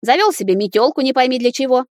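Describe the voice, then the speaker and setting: A woman's voice: high-pitched, expressive, fast talker, a little mellow, dry recording, clean studio sound, voice pushed up. A woman voicing a bossy, stern grandmother who scolds her grandson in a raised voice. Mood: scolding. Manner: commanding, scolding.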